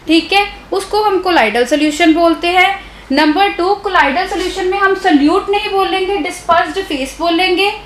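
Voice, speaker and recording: Woman with a hindi accent teaching science, really high voice, echoey room w faint hum. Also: a bit bright. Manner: explanatory, keeps checking understanding with rhetorical questions. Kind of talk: live online doubt-clearing class.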